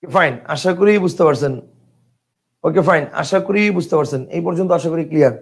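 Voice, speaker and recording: High-pitched gravelly male teacher. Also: fast talker. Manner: repeats questions, checks understanding often; reads out viewer comments and replies. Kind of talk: online Bengali grammar class.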